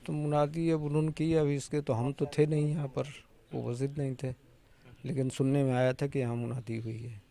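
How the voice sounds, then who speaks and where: A man in his fifties gives informal interview answers as a government officer. His voice is dark and soft-edged, with a lot of gravelly creak. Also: mid-range voice, level tone, a little fast. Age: 50s.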